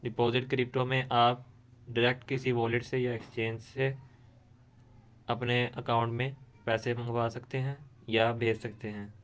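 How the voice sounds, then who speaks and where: A man's voice: medium pitch, a bit bright, smooth. A man, hosting a screen-recorded tutorial and explaining steadily, with frequent restarts. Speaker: tutorial host.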